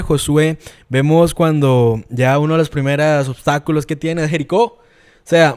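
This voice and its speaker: A man's voice: high-pitched, a little mellow, clear, resonant tone. A man, hosting a podcast and thinking aloud as he leads into a question. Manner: thinks aloud, many "o sea" fillers. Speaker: podcast host. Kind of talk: asking questions in a casual conversation.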